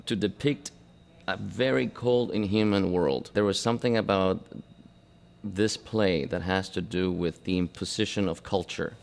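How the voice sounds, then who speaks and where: A man's voice: low voice, vocal fry. A scenic designer from Argentina speaking in a documentary interview, reflective and searching for his words.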